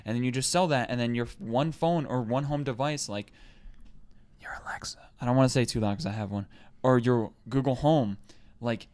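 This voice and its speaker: Casting: man, mid-pitched voice, rambling and animated podcast co-host. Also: fairly quick. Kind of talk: casual chat.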